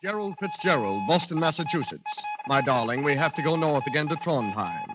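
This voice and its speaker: A man crisply reading out telegrams in a 1940s radio drama. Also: fairly high pitch, huge pitch swings, brisk, lo-fi sound, noisy background. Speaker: reader of telegrams. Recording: old radio broadcast with music.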